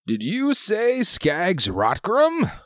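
A man voicing a gruff, knowing old peg-legged sailor who talks like a salty old fisherman in a tabletop game. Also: sits high, wildly swooping pitch, extremely slow, a bit bright, no room sound, studio quality, pitched above the performer's own voice, full character voice. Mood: knowing, conspiratorial.

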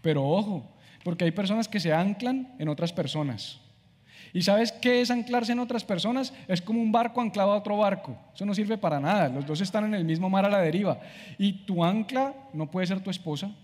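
A man's voice: sits high, fairly quick, a little mellow, big-room sound. A man preaching a conversational sermon, acting out how he talks to himself. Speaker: pastor.

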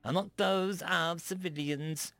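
Brief: menacing alien ambassador, smug and accusing, put on by a male reader; lifted pitch, dry close sound. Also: fairly even intonation, takes it slowly, sharp tone, no room sound.

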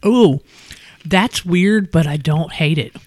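A woman's voice: lowish voice, slow, darkish tone, no room sound. A woman hosting a casual chat, taste-testing snacks and reading labels aloud with lots of fillers. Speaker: host.

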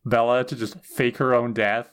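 A man's voice: mid-range voice, level tone, moderate pace, clear, resonant tone. A young man co-hosting a casual movie review chat, easygoing with a dry, slightly hesitant way of talking. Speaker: podcast co-host.

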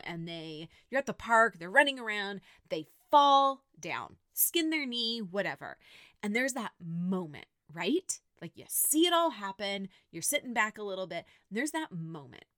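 A woman in her thirties hosts a faith-based podcast, sharing personal reflections and speaking earnestly and directly to her listeners. Her voice is medium-pitched and a bit bright, recorded with clean studio sound and no echo.

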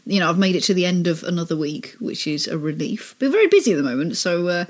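Low, husky woman rambling on. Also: sing-song, fast. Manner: chatty, rambling, eating while talking. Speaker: podcast guest, comedy producer and stand-up. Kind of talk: casual chat. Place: indoors at a podcast recording.

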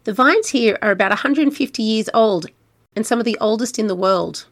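A woman's voice: fairly high pitch, expressive, a little fast. A woman with an Australian accent hosts a wine travel podcast. She reads her narration in a friendly, conversational way and then chats easily with her guest. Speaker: podcast host. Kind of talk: scripted narration and casual interview.

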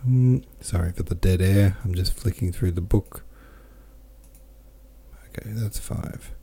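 This host has a deep, husky, warm voice and keeps a measured pace. Chatting casually like at a book club, he thinks through a chapter aloud, shares comments sent in by listeners, and goes on to read the novel aloud.

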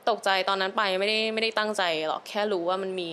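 A young adult woman hosting a podcast in casual chat, curious and lively, laughing easily. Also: medium pitch, quick pace, a little hiss or hum. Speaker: podcast host. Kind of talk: casual interview chat mixing English.

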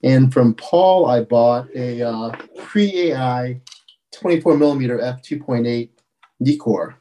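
A man's voice: medium pitch, measured pace, mellow, poor audio. A man talking casually as a guest on a podcast. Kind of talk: casual chat.

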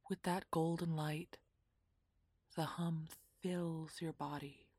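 A woman guiding a relaxation meditation in a soft, half-whispered, soothing voice. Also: sits low, little pitch movement, takes it slowly, breathy edge, dry recording, studio quality. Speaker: meditation guide.

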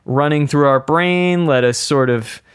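A man's voice: a little high, unhurried, clean tone, no room sound. A man co-hosting a podcast in casual chat, dry and teasing, reading out old notes. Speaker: podcast co-host.

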